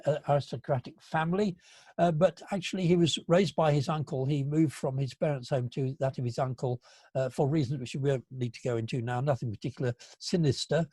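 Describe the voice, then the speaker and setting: A man in his seventies giving an illustrated lecture to an astronomy club, halting and full of fillers, with a dry, gentle humour. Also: medium pitch, breathy edge, dry recording. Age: 70s. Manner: halting, with frequent fillers and restarts. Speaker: guest speaker at an astronomy club.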